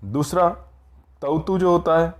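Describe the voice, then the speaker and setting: A man's voice: fairly high pitch, steady tone, unhurried. A man teaching a grammar lesson, explaining patiently step by step and checking in with his students often. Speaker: Sanskrit teacher.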